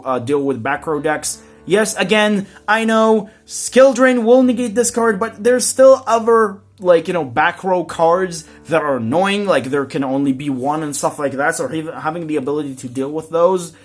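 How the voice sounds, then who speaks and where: A young man with a slightly high voice talks through a card game deck in a loose, casual way. He rambles, fills gaps with "like" and "uh", and his voice jumps up at the start of new points. Soft music plays faintly behind him. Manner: rambling, with frequent "like" and "uh" fillers; jumps in pitch and loudness at phrase starts. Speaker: card game content creator. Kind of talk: casual explanatory walkthrough.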